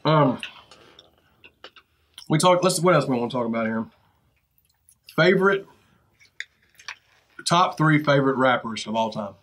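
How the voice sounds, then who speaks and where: A man's voice: mid-range voice, lively intonation, a little slow, long pauses, a bit bright. A man in his thirties chatting casually as a guest, hesitant and a little defensive. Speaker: video guest, rapper. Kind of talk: casual chat. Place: inside a fast-food restaurant, seated at a table.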